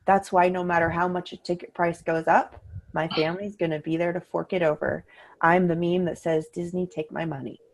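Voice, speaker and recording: Middle-aged woman, podcast co-host, lowish voice, casual chat, animated storytelling, quoted lines in a higher voice. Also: brisk, slight background noise.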